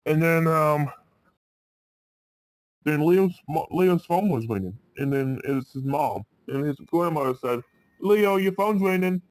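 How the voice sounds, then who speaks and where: A man makes up a storytime as he goes, rambling and often restarting his sentences. His voice sits a bit high for a man, and he talks slowly in a dry, close sound. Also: no room sound. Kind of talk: improvised storytelling.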